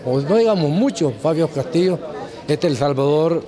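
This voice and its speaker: Man, 60s, deliberate, counts off points, slightly high voice, crowded hall. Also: lively intonation, crowd noise. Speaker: interviewee. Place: indoor event hall.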